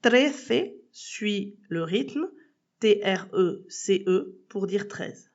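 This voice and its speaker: Female podcast teacher, slow and methodical, spells out words letter by letter, slightly muffled recording. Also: medium pitch, darkish tone. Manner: addresses the listener as tu. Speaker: Spanish teacher. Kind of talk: podcast lesson.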